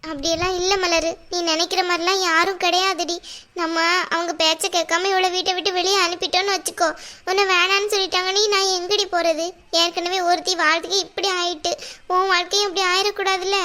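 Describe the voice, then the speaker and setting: A woman's voice: very high-pitched, flat delivery, a little fast, pushed and bright. A woman doing a fretful cartoon mother. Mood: anxious. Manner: pleading, soothing, fretful. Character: worried mother pleading with her daughter. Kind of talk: cartoon voice acting.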